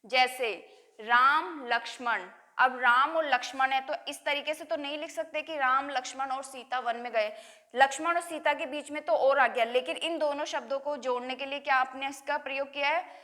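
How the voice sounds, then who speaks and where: A woman teacher runs a grammar lesson for her students. She poses questions and answers them herself in a bright, high, sharp voice. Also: steady tone, moderate pace. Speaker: school teacher.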